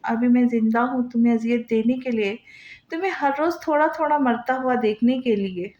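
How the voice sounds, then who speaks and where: A woman voicing a cruel, mocking young husband who taunts his wife in a soft menacing tone, in a roomy, dull lo-fi recording. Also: fairly high pitch, moderate pace, lightly acted. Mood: taunting.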